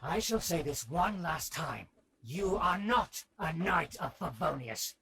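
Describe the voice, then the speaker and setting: Pompous aristocratic uncle, wildly animated. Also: male voice, fairly high pitch, slow, heavily acted. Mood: stern, imperious. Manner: pompous, formal, theatrical. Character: haughty aristocratic uncle scheming to restore his clan's rule. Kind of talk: video game voice acting.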